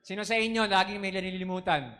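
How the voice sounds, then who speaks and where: A man preaching a sermon in an animated way, switching between Tagalog and English and asking the congregation questions. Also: high voice, quick pace.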